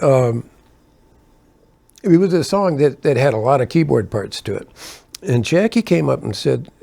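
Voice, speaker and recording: A man's voice: mid-range voice, gravelly, dark tone, slightly rough. An older man, a keyboard player, telling stories from his touring days in a casual, rambling way, often correcting himself and chuckling between asides. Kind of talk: casual anecdotal storytelling.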